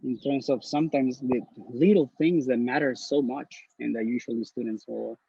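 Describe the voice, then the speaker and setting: A man from Honduras, a newly matched neurology resident, gives advice in a casual video-call interview, earnest and blunt and prone to repeating words. His medium-pitched voice is creaky and mellow with a breathy edge, moderately paced and fairly even. The recording is slightly dull and lo-fi, with no room sound.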